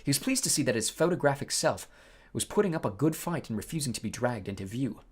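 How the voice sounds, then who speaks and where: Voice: mid-range voice, animated, quick pace, husky. An audiobook reader narrating a story, with small slips and fillers.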